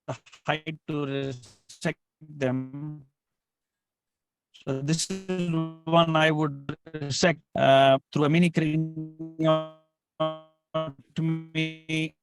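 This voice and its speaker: A man's voice: a little high, poor audio. Man on a choppy, dropping-out video call. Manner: halting, with fillers and restarts. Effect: choppy, dropping-out video call audio. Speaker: neurosurgeon presenting cases. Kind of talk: medical case presentation.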